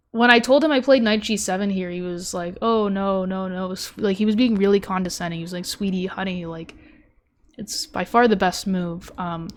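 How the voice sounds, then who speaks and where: Chatty young woman talking through chess moves. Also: medium pitch. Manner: chatty, self-deprecating, thinks aloud with many fillers. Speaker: chess streamer reviewing her tournament game. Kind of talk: casual live-stream commentary.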